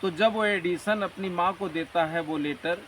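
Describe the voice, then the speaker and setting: A man's voice: high voice, normal speed, fairly bright tone. Earnest Hindi-speaking man, distant mic. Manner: earnest, motivational, rambling explanations. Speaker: interview guest. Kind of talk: conversational interview. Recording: distant mic with faint background noise.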